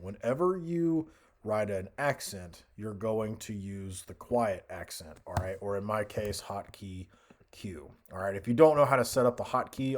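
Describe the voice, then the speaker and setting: A man giving a casual software tutorial as an instructor, hesitant and thinking aloud as he goes. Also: fairly low pitch.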